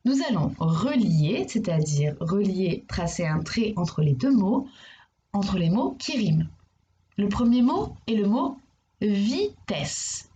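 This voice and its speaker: A woman with a French accent teaches young children in a video lesson. She talks slowly and patiently, speaking straight to the child. She repeats key words and spells them out letter by letter. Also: mid-range voice, darkish tone, lo-fi sound, slight background noise. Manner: slow, patient, addresses the child directly. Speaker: primary school teacher.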